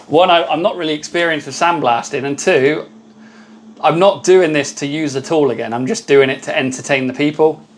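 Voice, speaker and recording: Loud and fairly high-pitched, a man hosts a casual live stream, chatting with viewers and thanking them by name as he works at a laser engraver.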